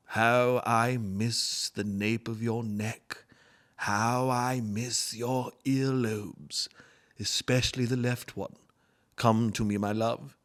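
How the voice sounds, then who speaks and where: A man voicing a lovesick ghostly prince, crooning in a low, theatrical way through a comic seance. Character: ghostly prince, swooning lovesick widower's spirit.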